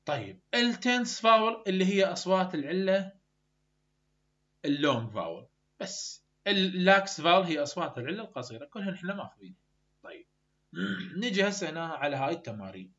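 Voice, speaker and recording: A man's voice: high-pitched, very animated, fast, a bit bright. A man with an Iraqi Arabic accent tutoring university English students for an exam, urging them on and mixing in English terms. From Iraq. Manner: urgent, exhorting students, mixes English terms. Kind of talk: exam-review lecture. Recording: dull, lo-fi recording.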